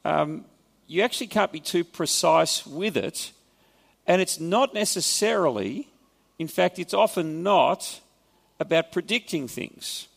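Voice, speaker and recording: Unhurried and gravelly, this slightly high male voice belongs to an Australian pastor preaching in a church hall with a big-room sound. His intonation is lively as he explains scripture conversationally, sprinkling in wry asides.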